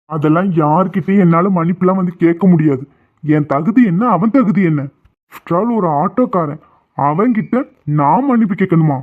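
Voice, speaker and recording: A man's voice: high voice, lightly acted. A man voicing a proud, stubborn, wealthy middle-aged father who talks in a scornful, dismissive way. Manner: scornful, dismissive, turning to sharp alarm. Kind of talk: Tamil cartoon voice acting. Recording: tinny phone-like lo-fi audio.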